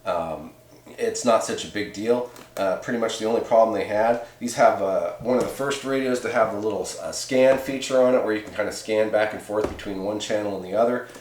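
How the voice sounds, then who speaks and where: Slightly low and a touch mellow, this man's voice moves briskly over slight background noise and echoey room sound. He hosts CB radio review videos and is giving a laid-back, casual, meandering product review in everyday speech.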